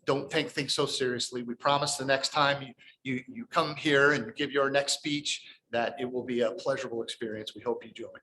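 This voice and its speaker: This man, the table topics master at a speaking club meeting, casually encourages members to share short stories and tends to repeat words. His mid-range voice is sharp in tone, with fairly even intonation at normal speed. The recording is rough, with slight background noise.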